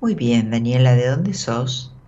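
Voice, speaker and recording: Speaking in Argentine Spanish, this radio host and tarot reader takes calls live, offering casual, comforting advice full of tag questions. Her bass voice is dark in tone, slow-paced, yet lively in intonation, heard through dull, band-limited audio.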